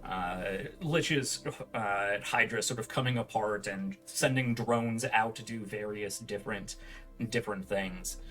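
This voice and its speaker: A man narrating a tabletop game as game master, improvising scenes in a halting, self-correcting way. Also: on the low side, fairly bright tone, faint music behind.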